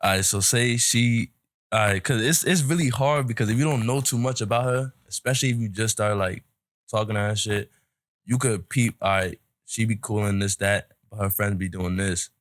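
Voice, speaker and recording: A man's voice: fairly low pitch, moderate pace, a bit bright, dry recording, studio quality. A nineteen-year-old man guesting on a casual podcast, talking in a hesitant, filler-heavy way. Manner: hesitant, mumbling, lots of fillers. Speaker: guest YouTuber.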